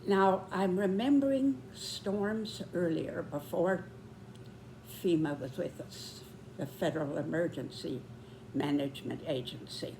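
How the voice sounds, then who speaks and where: A woman in her nineties giving reflective spoken commentary, with deliberate, measured phrasing and pauses. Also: fairly low pitch, background noise. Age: 90s.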